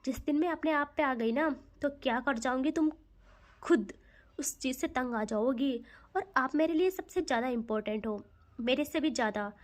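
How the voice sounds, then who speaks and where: A caring young woman, voiced by a woman reading a romantic audio story, soft and pleading. Her voice sits high and stays gentle and reassuring. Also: lightly acted.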